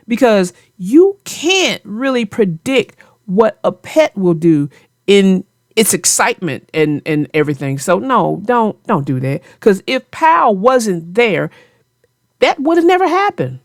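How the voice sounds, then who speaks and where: Slow and sing-song, this woman's mid-range voice comes through with studio quality and no room sound. She reads stories to children and chats about them as host, in a playful, teasing, folksy style.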